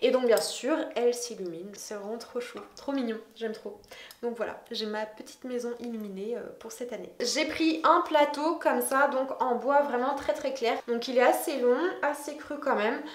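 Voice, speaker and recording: A woman's voice: on the high side, normal speed, hardly any pauses. A woman chatting casually in a home decor haul vlog, enthusiastic, with frequent hesitations. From France. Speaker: decor vlogger. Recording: echoey room.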